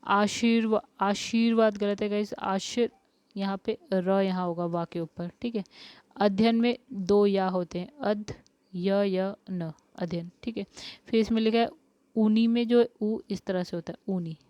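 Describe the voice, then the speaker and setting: Woman teacher explaining spelling, smooth voice. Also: mid-range voice, fairly even intonation, a little slow, darkish tone, no echo, lo-fi sound. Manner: explains step by step, asks questions then answers them. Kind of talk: spelling lesson for exam prep.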